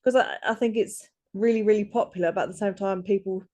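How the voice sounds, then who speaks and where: A woman in her thirties, a guest author in a casual interview, talks fast and hesitantly, full of ums and false starts. Her voice is medium in pitch, steady and darkish in tone.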